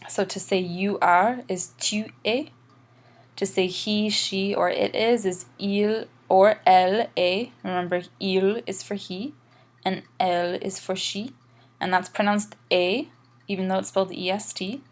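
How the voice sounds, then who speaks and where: A woman's voice: mid-range voice, fairly even intonation. Woman teacher, patient explainer, mid-range voice, recorded lesson. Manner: patient, explanatory, spells out examples slowly. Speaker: French teacher.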